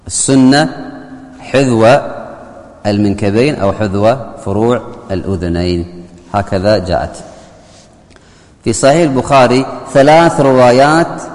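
An Islamic jurisprudence teacher gives a religious law lesson, frequently putting rhetorical questions to his listeners. His voice is medium-pitched and darkish, and the recording carries a long hall reverb.

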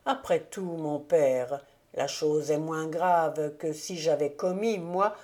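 A woman's voice: sits low, takes it slowly, a little mellow. A woman reading the part of a proud, arrogant young male nobleman in an audiobook, in a haughty, self-satisfied manner.

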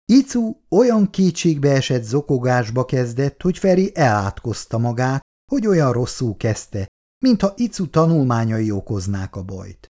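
A man reading a novel aloud in an expressive way. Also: medium pitch. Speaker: reader.

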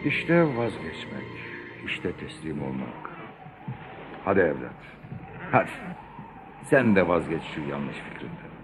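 A man's voice: extremely low pitch, very animated, slow, pauses often, music in the background, heavily acted, low-quality recording. A man playing a patient, pious older father who tells his son a moral tale in a radio drama. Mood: patient, solemn. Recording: clear background noise.

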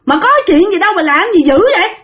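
A woman's voice: a little high, animated, fast, natural voice. A woman voicing a young woman protesting her innocence in exasperation. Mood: indignant, protesting. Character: indignant young woman wrongly accused.

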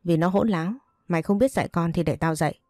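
A spiteful, scornful woman who hurls insults, voiced by a woman reading a story aloud. The voice stays low and mellow, with a dry, close sound. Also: fast, no room sound, faint music behind, close to an everyday voice. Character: spiteful sharp-tongued woman, hostile sister-in-law.

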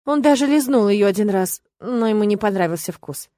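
A woman narrating an audiobook in an even storytelling manner. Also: mid-range voice, brisk, no echo, studio quality. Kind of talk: scripted narration.

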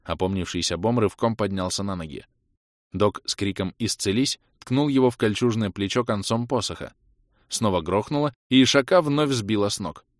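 Low-voiced male audiobook narrator, dry sound. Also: normal speed, no room sound. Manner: lively, acts out shouts and dialogue. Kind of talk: first-person audiobook narration.

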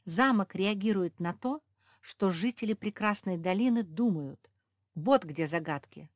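A woman's voice: medium pitch, a little slow, no echo, studio quality, close to an everyday voice. A woman voicing a thoughtful, clever female pug who patiently explains and asks. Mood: explaining.

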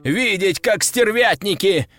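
A man's voice: high-pitched, lively intonation, takes it slowly, pushed and bright, faint music behind, voice pushed up, full character voice. A man voicing a cruel, vengeful sultan who snarls his orders in an audiobook. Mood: gloating. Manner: snarling, imperious.

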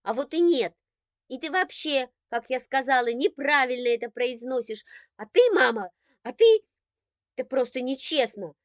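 An easily embarrassed young schoolgirl snaps at her little brother in indignant, high-pitched bursts, as a woman reading the storybook puts her on. Her voice leaps up and down, close and dry. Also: expressive, unhurried, dry recording. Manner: snapping, indignant outbursts.

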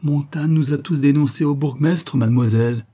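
A man voicing a fearful, fussy old male servant in an audiobook, anxious and rushed. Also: a little high, warm tone, pitched above the performer's own voice, lightly acted. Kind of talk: audiobook character voice.

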